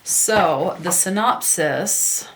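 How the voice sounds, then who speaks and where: A woman's voice: lowish voice, animated, very slow, a little hiss or hum. Chatty woman reading book blurbs. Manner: chatty, reads book blurbs aloud, stumbles and self-corrects. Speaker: book vlogger. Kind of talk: casual book vlog with read-aloud synopses.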